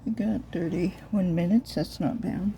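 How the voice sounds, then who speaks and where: Slow, gravelly, soft-spoken woman. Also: steady tone, slight background noise. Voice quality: soft-spoken, talks low on purpose. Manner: mutters to herself while working with her hands. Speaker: crafter making silicone molds. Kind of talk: casual crafting vlog narration.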